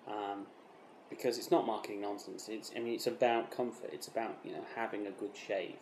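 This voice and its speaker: Man playing a low-voiced, self-important British razor developer. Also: close to an everyday voice. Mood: defensive. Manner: halting, repetitive, earnest deadpan boasting. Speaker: interviewee. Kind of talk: mock documentary interview, improvised-sounding monologue. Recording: roomy echo with faint background noise.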